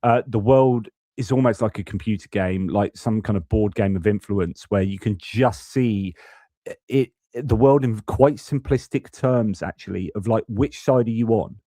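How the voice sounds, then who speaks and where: Speaking at a normal speed in a low, mellow voice with no echo, this young British live news streamer rants casually about politics. He keeps restarting his sentences and stammering out repeats.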